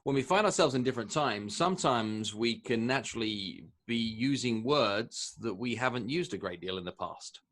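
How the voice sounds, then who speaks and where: A man hosting a podcast interview over a remote call, asking long, measured questions. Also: mid-range voice, lively intonation, a bit bright. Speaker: podcast host. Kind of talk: interview host.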